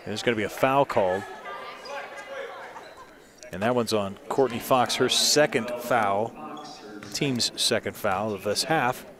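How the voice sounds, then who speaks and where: A man calling high school girls basketball play by play, quick and steady, lifting his voice on each basket. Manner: rapid play-by-play, rising excitedly on baskets. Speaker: play-by-play announcer. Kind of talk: sports commentary. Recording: loud gym crowd behind.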